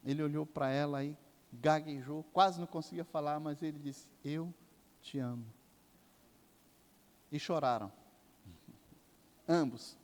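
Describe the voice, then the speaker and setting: Older Brazilian male pastor, fervent preacher, a bit high-pitched, church hall reverb. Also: steady tone, moderate pace, long pauses. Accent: Brazilian Portuguese. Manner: impassioned preaching with sweeping rises and drops. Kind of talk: sermon. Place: church sanctuary.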